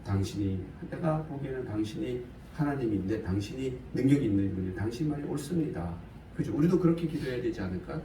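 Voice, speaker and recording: A man's voice: mid-range voice, expressive, fast, dark tone. A man preaching a conversational Bible sermon in a casual, blunt way, often asking his listeners questions. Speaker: pastor. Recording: roomy, from a distance, faint hiss.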